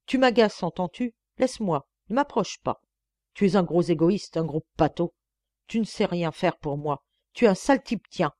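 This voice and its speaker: A woman voicing a rich, scornful wife who screams hoarse insults at her husband in a dry, close recording. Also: lowish voice, expressive, moderate pace, darkish tone, no room sound, lightly acted. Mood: irritated. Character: shrill furious rich wife, scornful, explosive.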